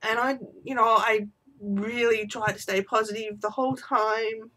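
A woman's voice: on the high side, steady tone, unhurried, pushed and bright. A woman vlogger talking in an unedited personal video diary, teary with her voice breaking, rambling and apologetic.

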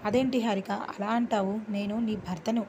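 A woman voicing a gentle, hurt young husband. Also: mid-range voice, fairly even intonation, normal speed, a little hiss or hum, natural voice. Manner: soft, pleading.

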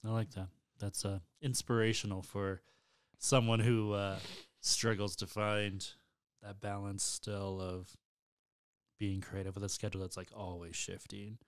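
Man hosting a casual chat, low voice, easygoing and affirming. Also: flat delivery, measured pace, smooth, no room sound, studio quality. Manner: easygoing, affirming, laughs along.

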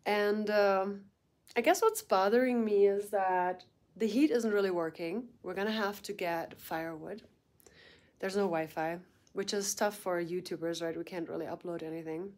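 A woman in her thirties, a thru-hiking vlogger, talking casually to her phone camera in a small wood-paneled motel room, a bit complaining and quick to laugh. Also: medium pitch, a little mellow. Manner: chatty, mildly complaining, laughs often. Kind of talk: casual vlog talk to camera. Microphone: phone camera at arm's length.

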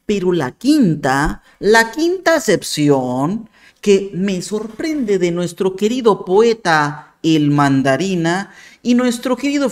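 Sarcastic man, slow and lively. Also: high voice. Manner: sarcastic, mocking. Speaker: video commentator. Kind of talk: argumentative commentary to camera.

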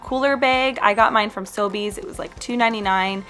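A young Canadian woman, a healthy food vlogger, narrates her vlog in a casual, upbeat voice-over, chatting and recommending foods straight to the viewer. Her voice is medium-pitched and sharp in tone, and she talks fairly quickly. Faint music plays behind her.

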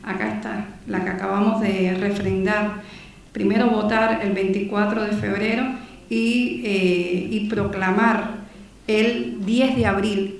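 A Cuban woman in her forties gives an earnest, measured conference talk from a panel table, partly reading aloud, with fillers and restarts. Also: medium pitch, distant mic. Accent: Cuban Spanish. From Cuba. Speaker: conference speaker, newspaper director. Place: conference hall stage, seated at a panel table. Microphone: table microphone on a stand. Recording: echoey hall, voice from off the mic.

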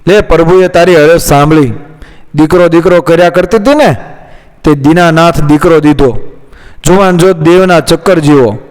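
A man voicing a shrewd older male merchant, calm and cunning, in a storybook reading. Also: on the high side, moderate pace, lightly acted. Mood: coaxing. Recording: long hall reverb.

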